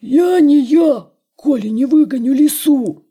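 A woman voicing a grey male wolf who calls out loudly and boasts. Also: high-pitched, slow, voice pushed up. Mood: boastful. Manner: shouting, swaggering.

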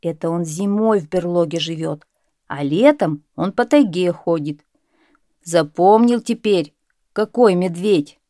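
A woman reading a calm, chiding old father. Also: fairly low pitch, measured pace, no echo, studio quality, close to an everyday voice. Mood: patient. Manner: calm, plain, gently chiding. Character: patient old father, mildly scolding.

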